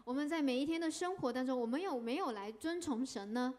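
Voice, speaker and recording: A woman's voice: sits high, expressive, moderate pace, a little mellow. A woman interpreting a sermon phrase by phrase, fluent but with fillers.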